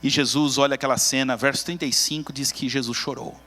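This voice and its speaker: A man with a Brazilian Portuguese accent preaching a sermon as a pastor. He tells the story in an animated way and acts out the characters. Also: medium pitch, quick pace. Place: church. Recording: long reverb in a large church.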